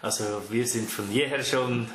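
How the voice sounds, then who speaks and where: A man's voice: mid-range voice, steady tone, moderate pace, fairly bright tone. A man with a Swiss German accent, a butcher who owns his shop, chatting easily in an interview and laughing often. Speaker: butcher, fourth-generation shop owner. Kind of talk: casual interview answers. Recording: echoey room with faint noise.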